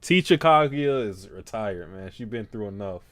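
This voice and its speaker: A man hosting a casual livestream podcast, talking in an animated, slangy way and laughing often. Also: lowish voice, moderate pace, no echo. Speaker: podcast host.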